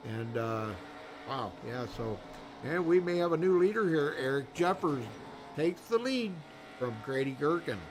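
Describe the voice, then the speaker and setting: A man's voice: fairly high pitch, animated, measured pace, noisy background. A man doing live race commentary in a rambling, folksy way, full of fillers. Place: commentary booth at a racetrack.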